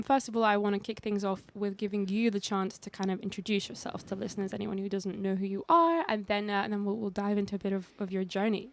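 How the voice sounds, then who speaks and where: A woman hosting a live radio interview in a studio, chatty, with many likes, ums and restarts. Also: medium pitch. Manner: chatty, full of fillers and restarts. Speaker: radio host.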